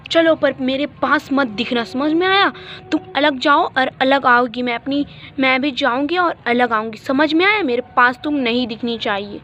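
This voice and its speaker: A woman's voice: high voice, moderate pace, a bit bright. A woman voicing a mean, vain older sister in a doll-play story, scolding and bossy. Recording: dull lo-fi recording.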